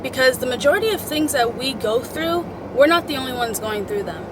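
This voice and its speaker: A woman's voice: sits high, lively intonation, brisk, background noise. A young woman chatting casually to her followers, giving motivational advice in an emphatic, girlfriend-to-girlfriend way. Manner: chatty, emphatic girl-talk with swearing and pet names. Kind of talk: casual motivational chat to the audience.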